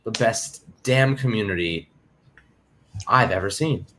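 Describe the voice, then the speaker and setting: A man hosts a casual sports livestream in a somewhat low voice. He talks in excited slang and reads chat names aloud as he goes. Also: slow, heavy background noise. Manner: hyped, slangy, greets chat viewers. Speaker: livestream host.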